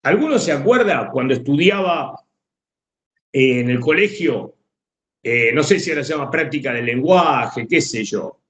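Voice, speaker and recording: Male teacher, Rioplatense accent, lecture delivery, animated intonation, echoey room. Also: mid-range voice, moderate pace. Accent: Rioplatense Spanish. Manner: explanatory, checks understanding often. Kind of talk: classroom lecture.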